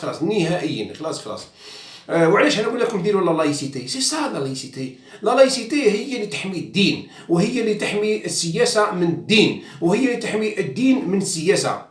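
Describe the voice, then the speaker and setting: A man's voice: high-pitched, sing-song, racing, distant mic. Algerian man ranting in an echoey room. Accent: Algerian Arabic. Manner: outspoken and mocking, mixing in French, many fillers and restarts. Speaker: journalist commentator. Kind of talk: casual monologue. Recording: echoey room, away from the mic.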